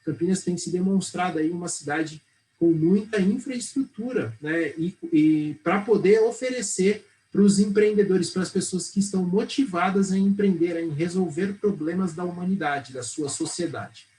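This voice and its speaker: A man's voice: high-pitched, normal speed, dark tone, poor audio. A middle-aged Brazilian man, a startup accelerator head, explaining fluently in a TV studio interview, tagging his sentences with "né" and "tá". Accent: Brazilian Portuguese. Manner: fluent, explanatory, frequent "né" and "tá" tags.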